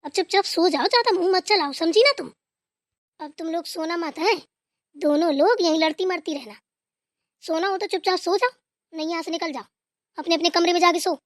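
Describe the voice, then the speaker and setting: A woman's voice: extremely high pitch, steady tone, a little fast, pauses often, dry recording, studio quality. A woman playing a grumpy scolding mother-in-law. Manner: bossy, nagging scolding. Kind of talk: comic family skit.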